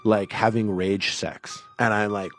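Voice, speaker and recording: A man's voice: lowish voice, level tone, a little slow, a bit bright, soft background music. Young man telling a rambling anecdote. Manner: loose, rambling, many "like" fillers. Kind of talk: casual spoken anecdote.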